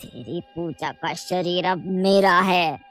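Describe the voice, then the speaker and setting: A woman voicing an evil, blood-drinking female witch spirit who cackles and gloats in a low, menacing voice. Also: slow pace, fairly bright tone, soft background music.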